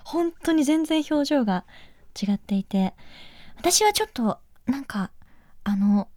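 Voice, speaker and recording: A woman talks through a DVD commentary in a fairly high voice that moves up and down a lot. She teases her partner and laughs often. The studio sound is close and dry. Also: big pitch swings, unhurried, dark tone, no echo. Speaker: voice actor. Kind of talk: DVD audio commentary, casual chat.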